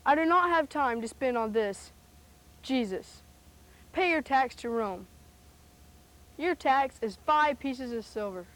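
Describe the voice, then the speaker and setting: A woman's voice: sits high, expressive, slow, long pauses, a bit bright, full character voice. A woman playing a haughty, greedy male tax collector in a Bible drama, pompous and declamatory. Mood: stern, demanding.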